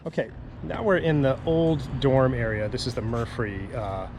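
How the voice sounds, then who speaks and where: A man working as a campus tour guide, talking informally and off the cuff in a halting, rambling way. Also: mid-range voice, expressive, over music. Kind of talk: casual unscripted walking tour commentary. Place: outdoors on a campus. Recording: noisy outdoor audio with traffic ambience.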